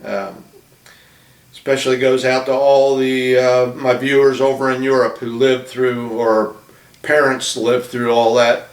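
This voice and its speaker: A model ship builder talks casually to camera in his small apartment room, rambling loosely with many fillers and restarts. His mid-range voice is level and unhurried, though he's losing it and coughing, and he's heard off-mic in an echoey room.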